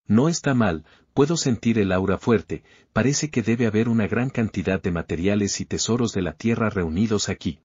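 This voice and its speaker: A man's voice: fairly low pitch, normal speed, few pauses, darkish tone, slightly rough, no echo. A man voicing a smug, powerful young cultivator who speaks curtly and dismissively. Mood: cool. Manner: cool, curt and dismissive. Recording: slightly dull lo-fi recording.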